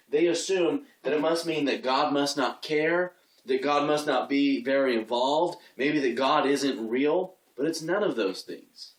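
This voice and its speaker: A young man giving an earnest, casual talk on faith, often repeating himself and restarting his sentences. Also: on the high side. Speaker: video host giving faith advice. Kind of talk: casual inspirational talk to camera. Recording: roomy sound from a distance.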